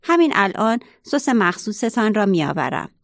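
A woman's voice: medium pitch, big pitch swings, dry recording, studio quality. A woman voicing a timid male mouse servant in a children's story, pleading and anxious.

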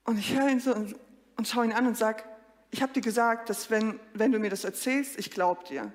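A woman preaches in a lively storytelling way, often turning straight to her congregation. Her voice sits fairly high. It rings through a church hall with a long reverb. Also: moderate pace. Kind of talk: sermon.

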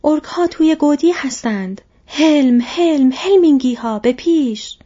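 Lady voicing an old soldier guy yelling orders, husky, muffled audio. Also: mid-range voice. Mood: rallying. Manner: rallying shouts. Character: old male warrior of a keep. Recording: dull lo-fi audio.

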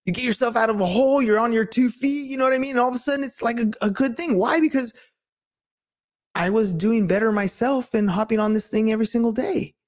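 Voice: mid-range voice, quick pace. A podcast co-host talking casually and motivationally, earnest and rambling, often checking that the listener agrees.

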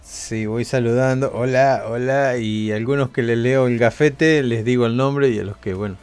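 Argentine dude playing a tabletop game, playful banter, mid-range voice. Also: male voice, medium pitch, moderate pace, a little mellow, smooth, soft background music. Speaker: player.

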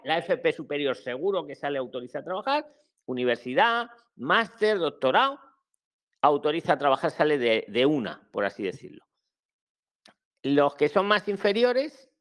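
A fairly high-voiced man hosting a live video call. He explains step by step, repeating himself, and his pitch swings widely as he talks. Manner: animated, repetitive explaining. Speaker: host of an online immigration advice session.

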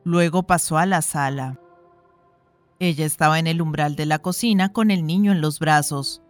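Audiobook narrator, woman, low voice, steady read, soft music under it. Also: moderate pace. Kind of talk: scripted narration of a short story.

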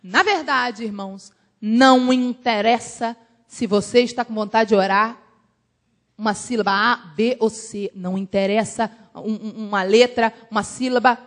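A woman from Brazil, a missionary preaching a sermon in an animated, emphatic storytelling way. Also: fairly high pitch, unhurried.

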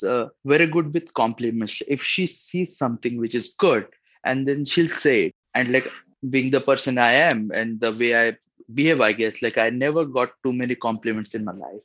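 A young man with an Indian accent telling a story in casual chat, animated and laughing often. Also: mid-range voice, moderate pace, no echo.

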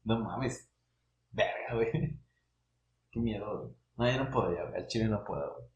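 A man's voice: on the low side, moderate pace, a little mellow, dull audio. A young man with a Mexican accent, hosting a casual podcast chat, slangy and crude, dropping güey after nearly every phrase. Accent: Mexican Spanish. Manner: slangy, says güey constantly, reacts with swearing. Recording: echoey room with faint noise.

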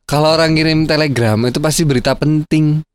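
A man's voice: fairly high pitch, steady tone, a little fast, clear, resonant tone. A man in a comedy sketch, laid-back and teasing, cracking dry jokes.

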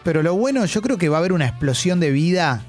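A man with a Rioplatense accent hosting a radio show, chatting and joking quickly with callers. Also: a little high, sing-song, a little mellow, soft background music. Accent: Rioplatense Spanish. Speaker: radio host. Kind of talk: lively radio chat with callers.

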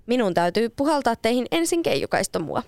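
A playful, confident boy speaks, as a woman reader puts him on, sounding eager for adventure. The voice is smooth and clear, a little lifted from her usual tone. It sits dry and close. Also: a little high, very animated, darkish tone, no echo, pitched above the performer's own voice. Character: cheerful adventurous boy who never grows up. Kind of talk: storybook read-aloud.

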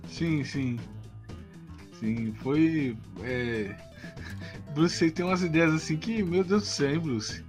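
High-voiced man casually hosting a podcast. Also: takes it slowly, long pauses, soft background music.

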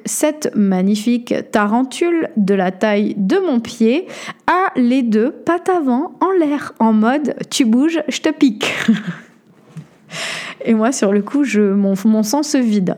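A woman hosting a podcast, telling a personal story in an animated way, full of hesitations and fillers. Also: on the high side, a little slow. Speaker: podcast host.

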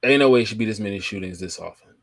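Low-voiced laid-back man, dry sound. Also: racing, no echo. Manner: laid-back storytelling, trailing off quietly. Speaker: podcast co-host. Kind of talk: casual chat.

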